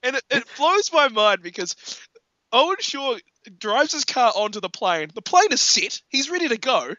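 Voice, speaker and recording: High bright man chatting about films. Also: normal speed, dry recording, dull audio. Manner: animated, laughing often, acts out quotes. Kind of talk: casual film discussion.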